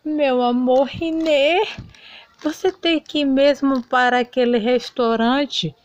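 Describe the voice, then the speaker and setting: A woman's voice: high-pitched, fairly even intonation, takes it slowly, no room sound, highs cut off, voice pushed up. A woman voicing Tereza Cristina, a clingy wife begging her husband to stay, in a doll soap opera. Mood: pleading. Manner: pleading, clingy. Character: clingy wealthy wife, pleading.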